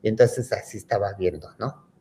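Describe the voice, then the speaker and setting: A man hosting, telling a childhood story in a campy, animated way and acting out the quotes. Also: lowish voice, fairly quick, creaky, a little hiss or hum. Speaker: host. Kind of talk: casual storytelling.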